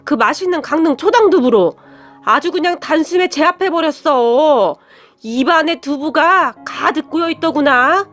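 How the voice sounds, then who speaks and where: A woman's voice: high voice, a bit bright, faint music behind. A woman reading as a nonchalant older father-in-law. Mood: offhand. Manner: slow, offhand.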